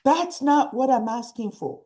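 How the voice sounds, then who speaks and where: A woman's voice: high-pitched, expressive, measured pace, warm tone, low-quality recording. A woman guest speaker giving encouraging advice in an emphatic way, repeating her points for stress. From Nigeria.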